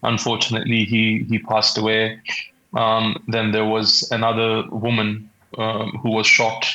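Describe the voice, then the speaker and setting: Man in his twenties, Pakistani accent, shaken eyewitness, halting delivery, lowish pitch, tense forceful tone. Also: monotone, lo-fi sound. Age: 20s. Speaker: eyewitness being interviewed. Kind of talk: interview account of a traumatic event.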